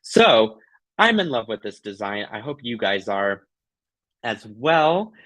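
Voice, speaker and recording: A man with a slightly low voice in a close, dry recording hosts a craft tutorial. He is gushing and affectionate with his viewers, talking in a casual, playful, giggly way. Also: big pitch swings, slow pace, a bit bright, no echo, low-quality recording.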